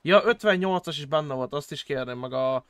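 A man streaming a role-play game, excitable and loud, swearing constantly. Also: fairly high pitch, clear, resonant tone, no room sound.

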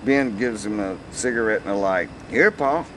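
A man's voice: fairly low pitch, moderate pace, a little hiss or hum. Man reading out a comic script. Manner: amused, stumbles and laughs. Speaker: script reader.

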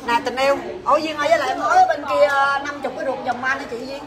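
Bright, high-voiced saleswoman. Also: steady tone, very fast, some chatter behind. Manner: chatty, bossy and teasing, calls out prices and staff names. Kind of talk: livestream sales pitch.

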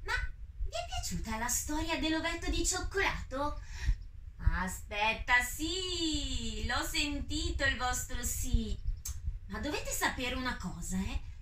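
A woman's voice: sits high, very animated, takes it slowly, sharp tone, reverberant, far from the mic, slight background noise, full character voice, rough recording. A woman voicing a greedy, playful male owl puppet who chats eagerly with young children. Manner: chatty, coaxing children, exclamatory.

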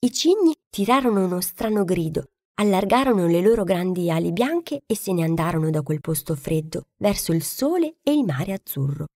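Expressive woman reading a fairy tale. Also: fairly low pitch, moderate pace, hardly any pauses, dry recording, clean studio sound. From Italy. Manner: expressive, gentle storytelling. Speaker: storyteller.

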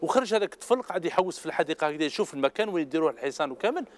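Animated Algerian man telling a children's story. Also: a little high, rapid-fire. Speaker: children's TV host. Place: TV studio with children.

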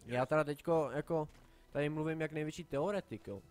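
A young man with a Czech accent, commentating his own online game in a chatty way, dropping English swears and yelling in sudden panic. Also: a little high. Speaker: gameplay commentator.

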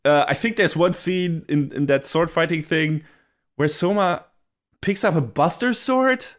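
A man's voice: on the high side, unhurried. A man co-hosting a casual podcast, reviewing a show with eager, rambling talk full of restarts and fillers. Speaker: podcast co-host reviewing anime.

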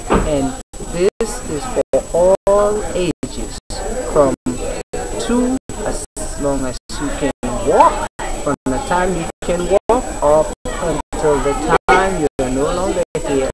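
A woman's voice: low-pitched, low-quality recording. A middle-aged woman, founder of a dance company, speaking about the conference and its mission in a small room. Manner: slow, deliberate, upbeat. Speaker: founder and artistic director. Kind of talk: promotional interview. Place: indoors, small room with curtain.

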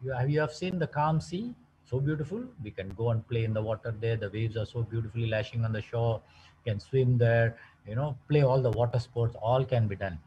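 A man's voice: mid-range voice, brisk, a little hiss or hum. A man giving a motivational health talk, telling stories and asking lots of rhetorical questions. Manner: lively storytelling with frequent rhetorical questions. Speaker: wellness talk presenter. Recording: dull lo-fi sound.

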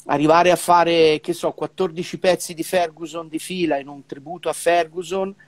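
Talking over a video call through a wired earphone mic, this middle-aged professional trumpeter speaks casually from an indoor room about practicing music, frequently repeating syllables as he hunts for words. His slightly high voice has fairly even intonation and a moderate pace, and the recording is dry.

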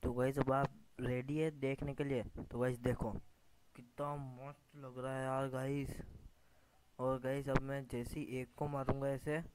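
A gaming YouTuber speaks at a measured pace in a medium-pitched voice, offering chatty commentary as he plays. He addresses viewers as "guys" constantly and mutters over his blunders, with steady noise in the screen recording.

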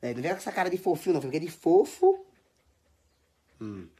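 Her low voice is warm, husky and sing-song, moving a little fast. She's a young social media personality with a Bahian Brazilian Portuguese accent, talking dramatically into her phone at home in a casual stories monologue, full of scolding and chatter.

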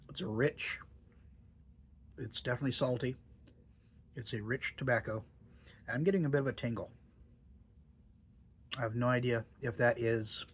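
A man's voice: mid-range voice, breathy edge. A middle-aged man chatting casually in a vlog, musing and hesitant, with dry jokes. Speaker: tobacco reviewer.

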